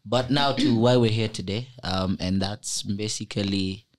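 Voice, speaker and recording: A man's voice: fairly low pitch, unhurried. A young man hosting a studio podcast, joking around and telling playful stories. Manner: playful, joking, animated storytelling. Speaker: podcast host. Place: small indoor podcast studio. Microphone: studio microphone on a boom arm.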